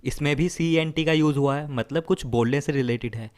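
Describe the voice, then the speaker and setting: A man's voice: fairly high pitch, a little mellow, clean tone. Man teaching vocabulary in two languages. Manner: explains slowly, repeats meanings, asks "right?". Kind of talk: bilingual vocabulary lesson.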